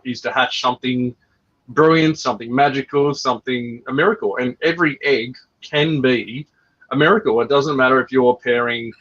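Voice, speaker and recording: A man hosting a casual reptile livestream, teasing his co-host with jokey banter. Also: mid-range voice. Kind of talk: casual chat. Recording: dull lo-fi audio.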